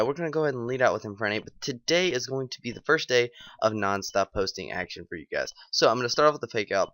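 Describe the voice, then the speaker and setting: A young gaming channel host with a sick, scratchy, stuffed-up voice casually comments on his own online game battles, thinking aloud with many ums. His voice is on the low side and fairly bright, with no echo.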